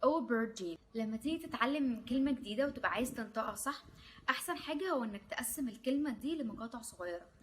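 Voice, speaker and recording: A woman with an Egyptian Arabic accent teaching a vocabulary lesson as an English teacher, repeating each word slowly three times and breaking words into syllables. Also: fairly high pitch, expressive.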